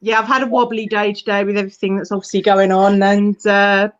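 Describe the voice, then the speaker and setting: A woman's voice: mid-range voice, flat delivery, brisk. A woman with an Essex accent chatting casually on a live stream. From Essex, England. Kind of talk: casual chat. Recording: muffled live stream audio.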